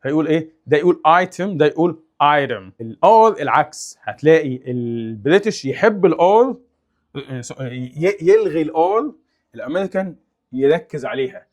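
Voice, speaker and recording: A young man with an Egyptian Arabic accent teaching English in a casual, animated way, exaggerating sounds to demonstrate them. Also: a little high, moderate pace. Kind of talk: casual explanatory lesson.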